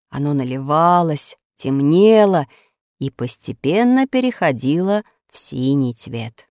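A woman's voice: low voice, vocal fry, a little mellow, no room sound, clean studio sound. A woman narrating a story, reading it aloud with expression.

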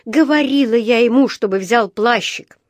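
A woman's voice: fairly high pitch, moderate pace, no room sound, clean studio sound, voice pushed up, close to an everyday voice. A stern, grumbling old housekeeper, as a woman reader puts her on talks in a scolding, motherly tone. She is a practical, no-nonsense woman in a children's storybook.

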